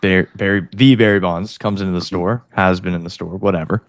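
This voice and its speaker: A young man hosts a casual podcast chat, questioning his father in a deep voice. The sound is dry and close, and he leans on "like" as he talks. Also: fairly even intonation, fairly quick, no room sound. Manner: asks questions, says "like" a lot. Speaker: podcast host, son.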